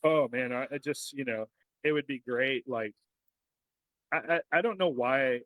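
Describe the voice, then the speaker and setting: Brief: relaxed male podcast co-host, mid-pitched, laughs easily, recorded close and dry. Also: unhurried, no echo, narrow, tinny audio. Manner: easygoing, laughs often, short agreeing replies. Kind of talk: casual chat.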